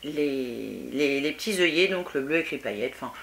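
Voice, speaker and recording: A woman's voice: deep voice, animated, normal speed, gravelly, a bit bright, a little hiss or hum. A young woman chatting casually through an unboxing, self-deprecating, with many fillers. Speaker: beauty vlogger.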